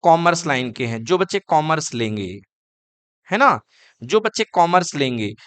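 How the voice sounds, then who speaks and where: A man's voice: on the high side, sing-song, normal speed, a bit bright, no room sound. A man teaching a lecture, often asking students questions and answering them himself. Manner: calls students kids and beta. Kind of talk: classroom lecture.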